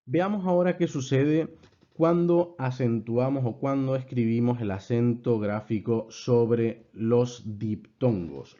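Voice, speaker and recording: A man teaching a class, explaining things in a measured way and addressing his students formally. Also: mid-range voice, dark tone, dull audio. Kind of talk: lecture with slides.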